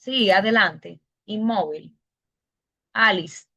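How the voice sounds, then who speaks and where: A woman's voice: medium pitch, slow, pushed and bright. A woman teacher leading an online class, patiently asking questions and explaining step by step.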